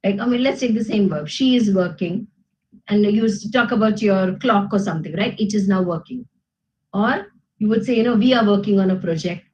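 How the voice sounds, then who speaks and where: A woman's voice: medium pitch, fairly quick, darkish tone, rough recording. A woman with an Indian English accent, teaching a grammar class and checking understanding with frequent "okay?" and "isn't it?". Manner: explains patiently, asks "okay?" and "isn't it?" often.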